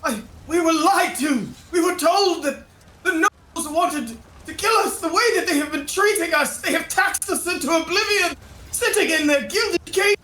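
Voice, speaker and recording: A man voicing an angry crowd of townsfolk, shouting and pleading in a tabletop game. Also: very high voice, normal speed, roomy sound, voice pushed up, poor audio. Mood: impassioned.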